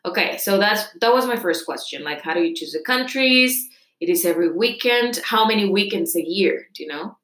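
A young woman from Costa Rica hosts a casual interview, asking chatty, curious questions. Her medium-pitched voice is animated, a bit bright, and a little fast, and the room sounds echoey.

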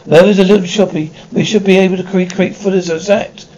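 High-voiced man acting out stumbling military drama characters. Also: fairly even intonation, fast, darkish tone, muffled recording. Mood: tense banter.

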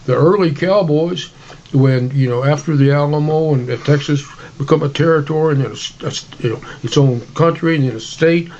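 A man's voice: a little high, fairly quick, darkish tone, muffled recording, slight background noise. A man chatting casually about history as a radio co-host, in a folksy, rambling, informal way.

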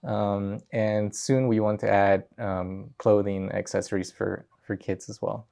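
A man's voice: lowish voice, flat delivery, unhurried, vocal fry, dark tone. A man from Peru, a business owner and guest, talking in a casual interview, hesitant with many ums and restarts.

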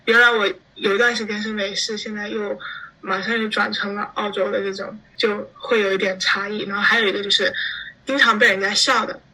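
Bright-voiced chatty teen girl guest. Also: mid-range voice, a little fast, rough recording. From China. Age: teens. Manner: chatty, animated, laughs often while explaining. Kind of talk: casual interview chat.

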